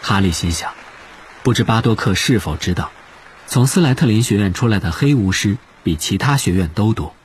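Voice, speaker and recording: A man narrating an audiobook in an expressive storytelling manner. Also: on the low side, normal speed, a little hiss or hum.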